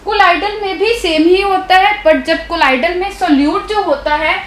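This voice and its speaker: Speaking with a Hindi accent, a woman with a very high voice teaches science in a live online doubt-clearing class at a moderate pace. She explains things and keeps checking that students are following by putting rhetorical questions to the class. The audio is rough and reverberant.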